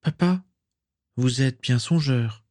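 A man's voice: medium pitch, takes it slowly, a little mellow, no room sound, studio quality, pitched above the performer's own voice, close to an everyday voice. A man voicing an anxious young woman pleading with her father in a storybook reading.

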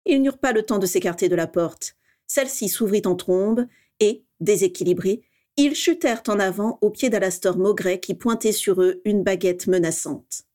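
A woman reading a story aloud with steady, expressive narration. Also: medium pitch, normal speed. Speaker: reader.

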